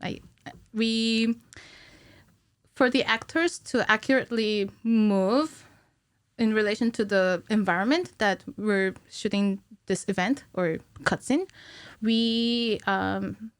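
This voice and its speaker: A woman in her thirties, a cinematic animator, appears as a podcast guest and explains technical matters conversationally, pausing to think. Her smooth, medium-pitched voice is picked up by a studio microphone on a stand in a small indoor podcast studio, with a dry sound and no echo.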